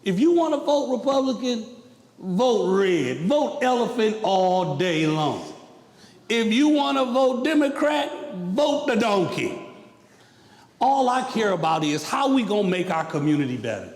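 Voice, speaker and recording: A man's voice: high-pitched, very animated, unhurried, darkish tone. A man speaking on a panel at a symposium, in an emphatic, rising delivery with a preacher's cadence. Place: university event hall. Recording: echoey hall with long reverb.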